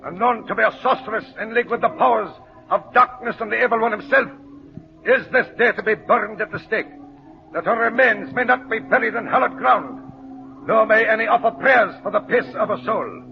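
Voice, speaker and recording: High, gravelly merciless herald. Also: male voice, fairly quick, faint music behind. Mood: stern, proclaiming. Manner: formal, proclaiming. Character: stern, merciless official condemning a witch. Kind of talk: 1940s radio acting. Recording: dull old radio recording.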